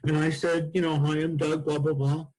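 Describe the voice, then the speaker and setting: High-voiced joking male host in his sixties. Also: level tone, normal speed, darkish tone, rough recording. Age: 60s. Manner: jokey, tells anecdotes. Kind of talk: casual chat, storytelling.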